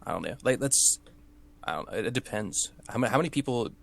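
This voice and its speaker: A man's voice: mid-range voice, expressive, quick pace, creaky, a bit bright, slight background noise. A man chatting casually as a stream guest, modest and easygoing. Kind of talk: casual chat.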